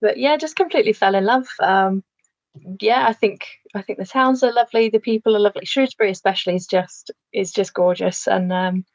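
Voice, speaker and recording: A woman's voice: mid-range voice, brisk, no echo. Dull-sounding chatty woman from Lancashire. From Lancashire, England. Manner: chatty, laughs often, fillers. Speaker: podcast guest, landscape architect. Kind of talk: casual interview chat.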